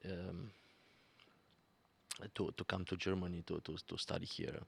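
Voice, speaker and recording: Deep, gravelly-voiced male pianist. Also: flat delivery, measured pace, a bit bright. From Bulgaria. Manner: searching for words, many fillers. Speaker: guest pianist. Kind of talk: conversational interview.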